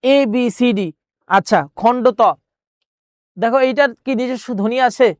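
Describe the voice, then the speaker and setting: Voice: medium pitch, moderate pace, a little mellow, no room sound, clean studio sound. A teacher running an exam-prep grammar lesson, repeating words and questions, asking viewers, then answering.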